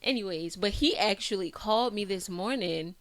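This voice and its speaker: A woman's voice: medium pitch, normal speed, no echo. A woman with a Baltimore accent hosting a podcast, chatting casually with filler words. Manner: chatty, laughs often, uses filler words. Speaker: podcast host. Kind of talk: casual chat.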